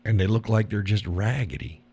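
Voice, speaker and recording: A man hosts a casual live stream, talking bluntly and rambling, swearing and laughing often, and mimicking other people in a higher voice. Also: steady tone, fairly quick, darkish tone, breathy edge.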